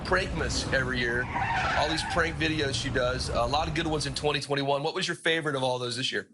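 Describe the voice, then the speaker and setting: A man's voice: medium pitch, quick pace, background noise. A man hosting a radio countdown show, interviewing guests in an upbeat, teasing way.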